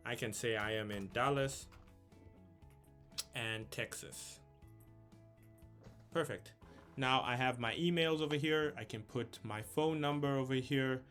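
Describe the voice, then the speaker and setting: Faint music plays behind a young man from South Africa as he casually walks through an online application in a screen-share video, thinking aloud with plenty of ums. His medium-pitched voice has a fairly bright tone. He speaks a little slowly and pauses often.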